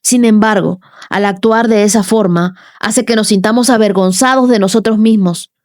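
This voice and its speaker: Stern, blunt male general , read by a woman: firm and steady, close dry recording. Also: mid-range voice, normal speed, dry recording, close to an everyday voice. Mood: reproachful.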